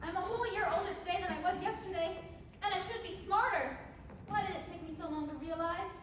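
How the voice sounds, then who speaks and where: A woman's voice: very high-pitched, quick pace, fairly bright tone, slight background noise. A teenage girl playing Alice, an earnest and defiant young girl, in a school stage play. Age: teens. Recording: echoey hall from far off.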